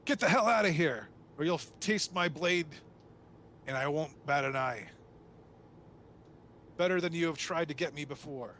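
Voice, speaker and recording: A man voicing an armored male homesteader who yells threats at intruders. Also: a little high, moderate pace, long pauses, slight background noise, pitched above the performer's own voice. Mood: threatening. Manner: yelling threats. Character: armored, hostile male homesteader defending his home.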